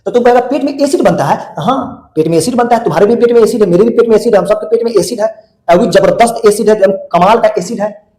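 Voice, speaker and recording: Guy teaching, high voice, keeps repeating words and quizzing the kids, echoey room. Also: fast talker, dark tone. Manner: drills students with call-and-response questions; repeats words many times, colloquial. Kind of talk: classroom lesson.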